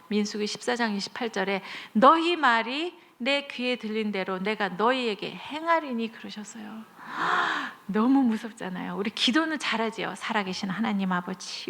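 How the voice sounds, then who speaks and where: A middle-aged woman preaching a sermon at a church service, telling stories with lively, acted-out quoted voices. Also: fairly high pitch. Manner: animated storytelling, acting out quoted voices. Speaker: guest speaker at church.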